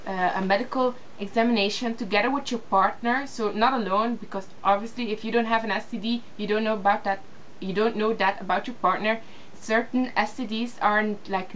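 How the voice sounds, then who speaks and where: Pausing, using fillers and starting her sentences over, a young woman from Belgium gives a casual video response as a vlogger in her second language, English. Her tone is fairly bright at a mid pitch. Her webcam audio is lo-fi and slightly dull, with a faint hiss underneath.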